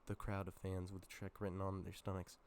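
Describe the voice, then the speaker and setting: A man's voice: sits low, completely flat delivery, brisk, a little mellow, slight background noise. A man with a sore throat reading a film script aloud casually, with dry asides and small stumbles. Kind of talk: casual script read-through.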